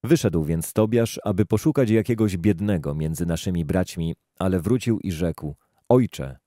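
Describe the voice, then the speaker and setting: A man with a low, warm voice reads scripture aloud. His delivery is slow, measured and solemn, and the recording sounds close and dry. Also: no echo. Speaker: scripture reader. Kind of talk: scripted Bible reading.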